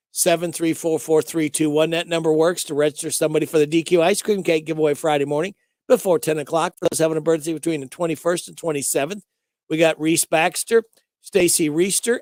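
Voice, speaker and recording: Higher-pitched male morning radio host. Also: no echo. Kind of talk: local morning radio announcing.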